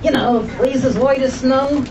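Squeaky ventriloquist dummy, cheeky puppet dog woman performing, high pitch, stand-up act, distant muffled recording. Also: steady tone, measured pace, very noisy. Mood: cheeky, excited. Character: cheeky, silly dog puppet, a bull terrier and shih tzu cross. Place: comedy club stage. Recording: muffled, distant club recording with loud audience.

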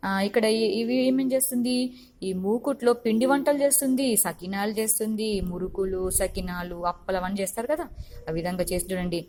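A woman's voice: mid-range voice, fairly even intonation, a little fast, darkish tone. A woman teaching first graders in a recorded lesson. She is patient, repeats every instruction and keeps checking that the children understand. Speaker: primary school teacher.

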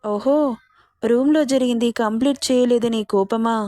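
A woman's voice: fairly high pitch, steady tone, normal speed, mellow, no room sound, studio quality, close to an everyday voice. A woman voicing an arrogant, bullying young man. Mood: taunting. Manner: taunting, threatening.

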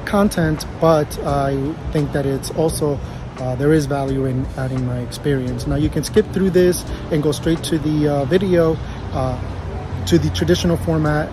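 A man in his thirties talking casually to a close phone camera outdoors after a workout, hesitant with many fillers and restarts. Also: a little high. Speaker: vlogger sharing a personal routine. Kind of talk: casual unscripted talk to camera. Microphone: phone camera held close. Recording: outdoor city noise behind.

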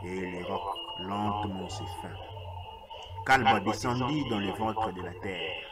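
Slow, low-voiced storyteller. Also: male voice. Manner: slow and deliberate, with some hesitant restarts. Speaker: radio host and storyteller. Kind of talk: storytelling narration on the radio. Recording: loud hiss, radio broadcast.

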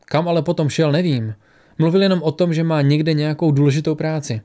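Man narrating an audiobook steadily. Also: a little high. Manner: steady, even storytelling. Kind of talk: scripted narration.

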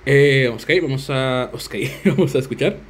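A man casually hosting a language lesson, chatty and self-deprecating, slowly sounding out foreign words. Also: medium pitch. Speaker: language learner and video host.

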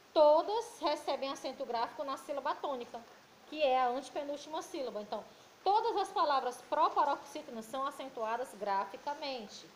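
A woman with a Brazilian Portuguese accent, a primary school teacher giving a recorded remote lesson to children, affectionate and patient, reading word lists slowly. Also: high voice, slight background noise, poor audio.

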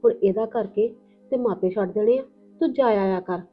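In a Punjabi village family drama, a woman with a Punjabi accent plays an elderly paternal aunt, blunt and motherly, who scolds while staying protective. Her voice sits in the mid range, natural, at a moderate pace. The audio is tinny and phone-like lo-fi, with music underneath.

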